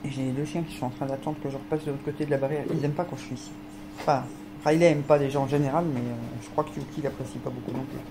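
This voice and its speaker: A woman's voice: extremely low pitch, steady tone, rapid-fire, background noise. A woman vlogging outdoors in a dog enclosure, chatting to viewers with a slight lisp and cooing baby talk to her dogs. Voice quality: slight lisp from new teeth. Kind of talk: casual vlog chat with pets.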